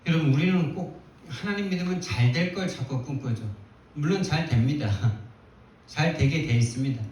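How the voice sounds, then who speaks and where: A man preaching a sermon as pastor, retelling a story in an animated way with quoted prayers. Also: on the high side, moderate pace, slight background noise. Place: church sanctuary. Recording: echoey church hall from far off.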